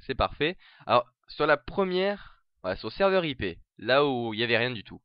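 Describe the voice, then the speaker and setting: A man's voice: mid-range voice, no echo. Man, casual tutorial voice, chatty with fillers, dull dry home recording. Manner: chatty, many fillers and restarts. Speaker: software tutorial presenter.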